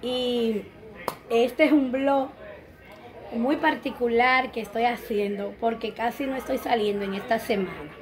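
A Dominican woman in her thirties talks straight into a close phone camera in a small bright room at home. Her voice sits a little high, and she chats easily, greeting viewers and wishing them blessings. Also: a little slow. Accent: Dominican Spanish. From Dominican Republic. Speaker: vlogger. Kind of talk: casual vlog chat.

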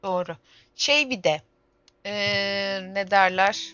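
Young female streamer, 20s, bright voice, chatty and grumbly; lo-fi stream mic. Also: medium pitch, slow, clear, resonant tone. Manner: chatty, exclaims and grumbles to herself while playing. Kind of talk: casual gameplay livestream chat. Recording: dull lo-fi stream audio with faint game music.

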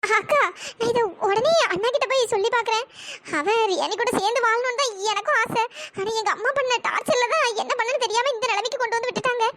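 A woman's voice: very high-pitched, quick pace, few pauses, fairly bright tone, slight background noise. A woman voicing a worried younger sister in a cartoon story, earnest and pleading. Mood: concerned.

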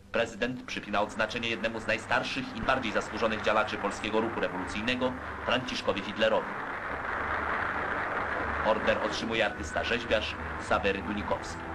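A man's voice: lowish voice, fairly even intonation, moderate pace, low-quality recording. A man giving solemn, declamatory narration for an old newsreel soundtrack. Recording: narration over loud orchestral music.

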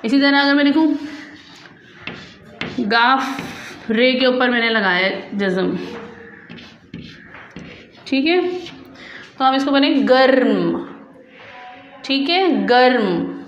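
Slow, high-voiced patient woman teacher. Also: fairly bright tone, lo-fi sound. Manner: slow, patient, repeating each word for pupils. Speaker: school teacher. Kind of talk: teaching an Urdu reading lesson to young children. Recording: echoey classroom with faint hum.

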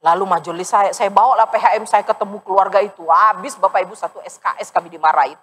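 A woman pastor giving a lively, conversational sermon in a church, speaking straight to the congregation and acting out the voices of the people in her stories. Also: medium pitch, fast talker, slightly rough. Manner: animated, acts out quoted voices, addresses congregation directly. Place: church sanctuary.

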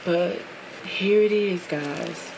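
A woman's voice: fairly low pitch, very slow, creaky, a little mellow, a little hiss or hum, low-quality recording. A woman chatting casually to her viewers while unboxing a handmade craft box, gushing over each detail, apologizing often and calling everyone "guys.". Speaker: craft vlogger.

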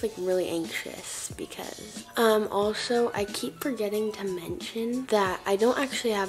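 A teenage girl vlogging in casual chat, talking with a slight new lisp and lots of fillers. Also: mid-range voice. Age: teens. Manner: chatty, filler-heavy, bubbly. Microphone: camera mic.

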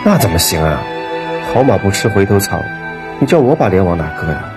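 A proud, fast-talking young husband. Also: male voice, sits low, sing-song. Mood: earnest. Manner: earnest, reassuring and stubborn. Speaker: unemployed husband. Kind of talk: TV drama acting. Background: loud background music.

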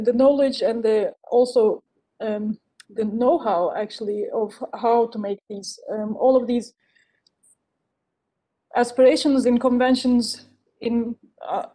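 Woman moderator on a video call, earphone mic, lots of uhs and ums, kinda higher voice, soft mellow tone. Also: low-quality recording. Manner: hesitant, many fillers and restarts. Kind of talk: webinar moderation. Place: indoors, home room with a plant. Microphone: earphone headset on video call.

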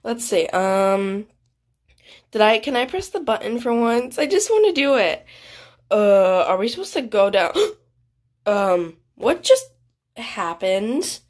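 A young woman casually commenting on a game she is playing, excitable and chatty, often gasping and laughing. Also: on the high side, slow, long pauses. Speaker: gaming channel host.

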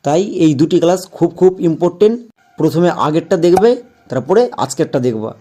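Man, pronunciation teacher, video lesson, spells out letters, slightly high, mellow. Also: expressive, fairly quick. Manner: methodical, spells letters out one by one; repeats key points for emphasis.

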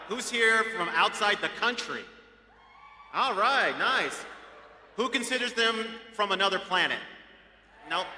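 A man's voice: on the high side, sharp tone. A middle-aged man presiding over an outdoor Easter service, welcoming the crowd in an upbeat, joking way at a podium microphone. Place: large outdoor amphitheatre. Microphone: podium mic. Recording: echoey outdoor PA with long reverb.

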